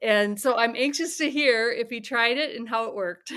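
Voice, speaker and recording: Her voice a little high and at normal speed, a middle-aged woman parent coach advises earnestly on a podcast, now and then demonstrating with a soft whisper.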